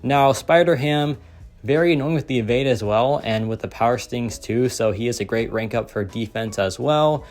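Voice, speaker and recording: A young man talks through game strategy in a loose, excited way, leaning on "like" and "so yeah". His voice sits at an ordinary middle pitch. It sounds slightly worn, as if he has been talking for a long while. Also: normal speed, soft background music. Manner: enthusiastic, heavy use of "like" and "so yeah". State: losing his voice. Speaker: gaming content creator. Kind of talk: casual game commentary.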